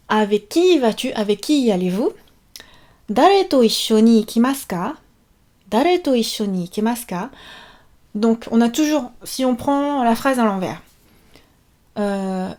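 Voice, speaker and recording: Bubbly woman giving a chatty lesson. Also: fairly high pitch. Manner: lively, chatty, many fillers, playful asides. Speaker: Japanese language teacher. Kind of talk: casual video lesson.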